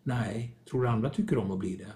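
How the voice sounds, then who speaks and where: Appearing as a guest on a conversational podcast, a man with a lowish, dark voice reflects on things. He keeps slipping into small acted-out dialogues while explaining.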